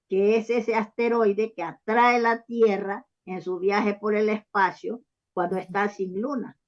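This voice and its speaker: A woman author giving long, rambling interview answers, full of false starts and check-ins with the listener. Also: mid-range voice. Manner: rambling, often checks in with "¿sabes?" and "¿ah?"; frequent false starts and hesitations. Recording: dull lo-fi recording.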